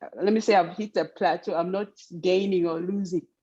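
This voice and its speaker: A woman's voice: lowish voice, steady tone, a little fast. A woman in her forties introducing herself on a video call, speaking hesitantly and searching for words. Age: 40s. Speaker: webinar participant. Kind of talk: casual self-introduction. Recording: dull lo-fi call audio.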